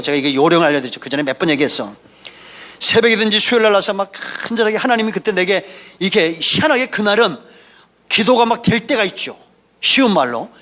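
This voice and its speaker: A man preaches in a church with a high, bright voice. He swings between quiet asides and sudden shouted lines, often calling out questions to his congregation. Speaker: pastor. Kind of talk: sermon. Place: church sanctuary.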